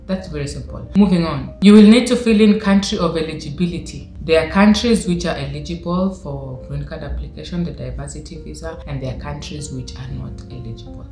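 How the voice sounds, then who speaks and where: Animated woman, echoey room. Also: sits low. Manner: animated, lively gestures, rhetorical questions. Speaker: vlogger. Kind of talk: casual explainer vlog. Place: small indoor room.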